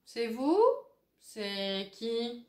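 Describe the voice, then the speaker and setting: A woman's voice: fairly high pitch, very slow. A woman giving a casual tarot reading for her viewers, chatty and hesitant, with many fillers and asides. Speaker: tarot card reader. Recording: roomy echo.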